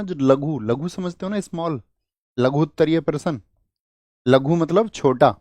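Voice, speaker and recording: In a dry recording, a young man with a medium-pitched, darkish voice runs an online exam-prep lecture built on memory tricks. He asks the class questions, supplies the answers himself, and drills key words through repetition.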